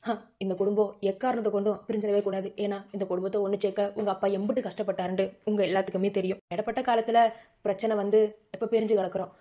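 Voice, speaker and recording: An older village grandmother, voiced by a woman, pleads earnestly with her family in a cartoon. Her warm, mellow voice carries a Madurai Tamil accent. She talks at a quick clip. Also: medium pitch, natural voice.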